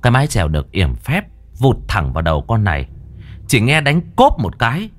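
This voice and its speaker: A man's voice: mid-range voice, wildly swooping pitch, fairly quick. A man narrating a ghost story in a dramatic storytelling manner.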